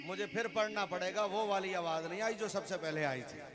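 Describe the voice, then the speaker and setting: High-voiced fiery male preacher, echoing hall. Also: a little fast, very noisy. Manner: swings between shouted exclamations and hushed storytelling, sings devotional refrains. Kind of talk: fiery religious sermon with chanting. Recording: echoey hall with long reverb.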